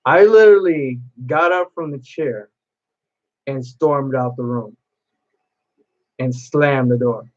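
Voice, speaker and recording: A man tells a personal story straight to his viewers in a casual vlog, circling back and restarting his sentences as he goes. He talks slowly and deliberately at a mid pitch. The recording is muffled and lo-fi. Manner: rambling and repetitive, with many restarts. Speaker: cosplay vlogger.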